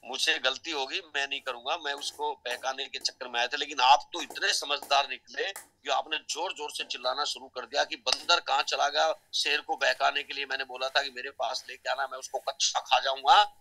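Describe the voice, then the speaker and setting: A man's voice: mid-range voice, fairly even intonation, normal speed, gravelly, hardly any pauses, bright, forceful tone, slight background noise, rough recording. A man doing a sly, fawning monkey. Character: sly tattletale male monkey.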